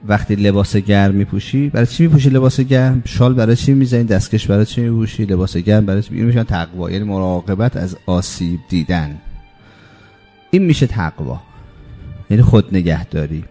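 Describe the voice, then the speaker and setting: A man giving a religious sermon, speaking emphatically and piling up repeated lists, slowing down to stress key words. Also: on the low side, dark tone, soft background music. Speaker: preacher.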